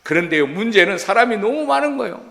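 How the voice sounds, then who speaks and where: A male pastor preaching a Sunday sermon in a church, animated, acting out quotes and asking the congregation rhetorical questions. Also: sits high, fast talker, creaky. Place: church sanctuary. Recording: long church hall reverb.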